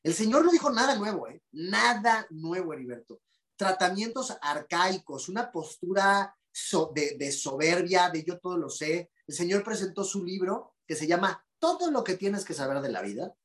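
A man with a Mexican Spanish accent speaks as a guest on a podcast. He tells his story with animated indignation and slips into the voices of the people he quotes. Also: high-pitched, moderate pace. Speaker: podcast guest, clinical psychologist. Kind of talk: conversational storytelling.

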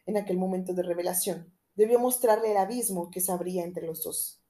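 A woman narrating a novel aloud in a steady, measured storytelling voice. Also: fairly low pitch. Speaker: audiobook narrator.

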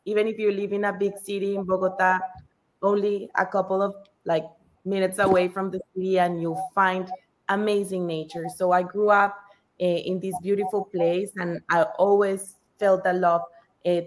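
Earnest Colombian woman, lowish voice. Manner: earnest, steady storytelling with some restarts. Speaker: guest. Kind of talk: podcast interview.

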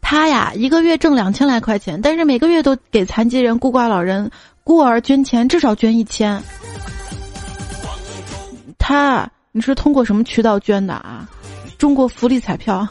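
A woman's voice: on the high side, lively intonation, moderate pace, darkish tone. A woman hosting a comedy podcast, reading listener jokes in a chatty, playful way and acting out the quoted lines. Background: faint background music.

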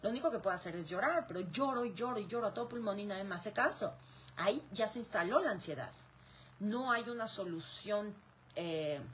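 A woman's voice: mid-range voice, a little hiss or hum. Mexican woman explaining with rhetorical questions. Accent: Mexican Spanish. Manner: explanatory, asks rhetorical questions and answers them. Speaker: speaker answering viewer questions. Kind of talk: live question-and-answer explanation.

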